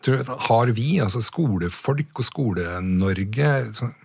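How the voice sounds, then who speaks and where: A man hosting a podcast, asking questions in a relaxed, casual way. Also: mid-range voice, husky, no room sound, studio quality. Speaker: podcast host. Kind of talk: podcast interview.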